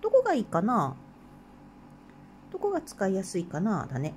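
A woman with a Hokkaido Japanese accent talks through a craft tutorial in a casual, chatty way. Her voice is mellow and her pitch moves around a lot. She laughs often and murmurs quietly to herself between steps. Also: wildly swooping pitch, a little fast, a little hiss or hum. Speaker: craft channel host.

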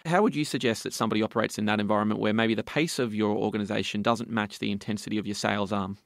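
A man's voice: lowish voice, steady tone, very fast, gravelly, no room sound, clean studio sound. A man hosting a conversational podcast interview, asking long, carefully framed questions. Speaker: podcast host.

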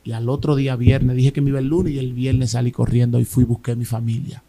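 A man with a Dominican accent giving an emotional personal testimony as an interview guest, telling his story in an animated way with restarts and repeated words. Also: mid-range voice, fast, gravelly. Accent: Dominican Spanish.

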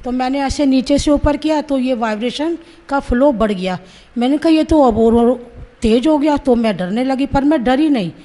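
A woman in her sixties recounts a personal testimony in an earnest, vivid way, voicing her own remembered words as she goes. Her voice sits high for a woman, yet its tone is warm and mellow rather than sharp. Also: moderate pace. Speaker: Sahaja Yoga practitioner giving a testimony.

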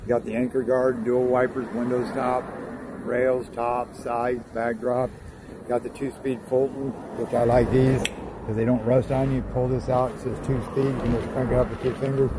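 A man's voice: mid-range voice, little pitch movement, normal speed. Plain-spoken man touring a boat outside. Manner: plain-spoken, rattles off specs and part names. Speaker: boat inspector walking through a boat. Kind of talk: casual walkaround commentary. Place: outdoors by a boat trailer. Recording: outdoor recording with clear street noise.

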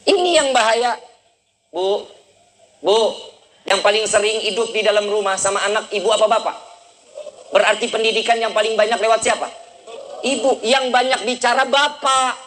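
A male preacher, giving a lively sermon and teasing the congregation with quick questions. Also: high voice, slight background noise, poor audio.

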